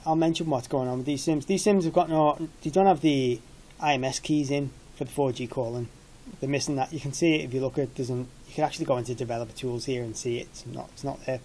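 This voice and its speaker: Medium in pitch and mellow, the voice belongs to a thirty-something man demonstrating a tech product. His walkthrough is informal and plainly explanatory.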